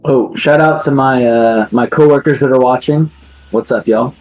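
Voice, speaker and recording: A man's voice: medium pitch, moderate pace, a little mellow, soft background music, poor audio. A man chatting casually as a player in a tabletop game stream, joking and laughing often. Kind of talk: casual chat between players.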